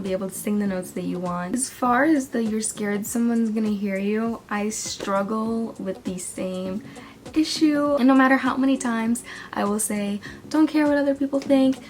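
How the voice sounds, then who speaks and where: A young woman in a casual vlog, talking through singing advice with a chatty, self-deprecating manner. Her voice sits in a middle pitch. Music plays clearly behind her. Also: a little mellow. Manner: chatty, self-deprecating, laughs often, breaks into sung demos. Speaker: singing vlogger.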